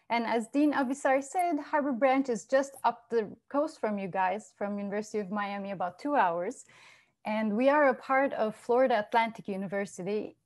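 A woman, a research scientist giving a prepared lecture over a video call, speaking clearly with measured, lively emphasis. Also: on the high side. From Turkey. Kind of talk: prepared presentation over shared slides. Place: home, virtual beach background.

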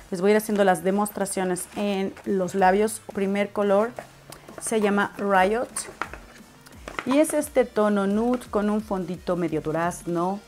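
A young woman talking casually through a makeup haul in a vlog, chatty and unhurried, now and then dropping in English words. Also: medium pitch, a little mellow, a little hiss or hum. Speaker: beauty vlogger.

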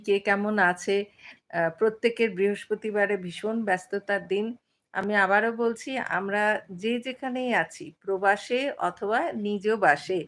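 A middle-aged woman hosts a casual live stream from her phone and talks straight to her viewers. She chats in a loose, easy way, fills gaps with little sounds and stops often to read comments aloud. Her voice sits at an average pitch for a woman. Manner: chatty, many fillers, reads out viewer comments.

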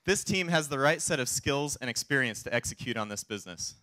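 Man giving a confident, bright startup pitch. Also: animated, brisk, no room sound. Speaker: startup chief executive pitching investors. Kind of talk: rehearsed investor pitch. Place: theater stage, indoors.

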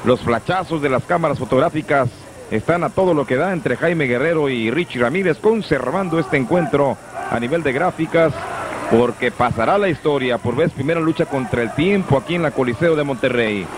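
Higher-voiced Mexican male wrestling commentator, noisy arena. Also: a little fast. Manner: exclamatory, colloquial, repeats phrases. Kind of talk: live lucha libre play-by-play commentary. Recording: noisy old VHS broadcast of arena event.

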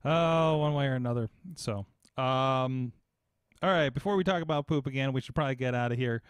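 A man's voice: medium pitch, a little fast, clear, resonant tone, dry recording. A man in his forties hosting a podcast, rambling animatedly in casual chat on a studio mic in a foam-paneled room. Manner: animated, rambling, self-mocking. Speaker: podcast host. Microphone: studio mic on boom arm, headphones.

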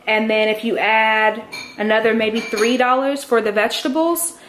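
Her voice is a little high and her tone steady as she chats at a normal speed over a noisy background. The young woman, in her twenties, is making a cooking vlog at home, explaining each step to a handheld camera held near her.

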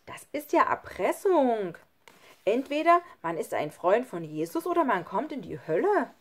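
Eine Frau, die in einem Hörbuch einen frechen, trotzigen kleinen Jungen spricht. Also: female voice, mid-range voice, big pitch swings, normal speed. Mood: skeptical. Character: cheeky, mischievous young boy.

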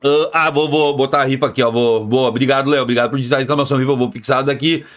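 A man's voice: medium pitch, fairly even intonation, rapid-fire, soft background music. A man live streaming, chatting casually and repetitively with his viewers in slang. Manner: slangy, repetitive, talks straight to chat.

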